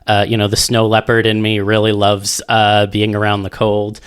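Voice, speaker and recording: A man's voice: lowish voice, monotone, moderate pace, fairly bright tone, clear, resonant tone. A man hosting a podcast in a casual, upbeat, chatty way with frequent ums and uhs. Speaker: podcast host.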